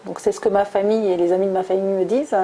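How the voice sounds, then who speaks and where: A middle-aged woman from Toulouse speaks, her tone mellow and soft. She answers interview questions at an easy, thoughtful pace and pauses often on hesitations, with faint ambient noise behind her. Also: medium pitch, steady tone, poor audio. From France, southwest (Toulouse). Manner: thoughtful, many hesitations with "euh". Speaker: guest, recruiter.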